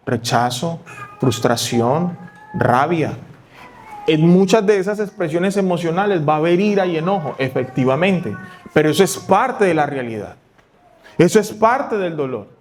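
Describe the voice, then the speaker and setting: A male pastor giving a sermon, talking it through conversationally and asking and answering his own questions. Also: high voice. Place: church.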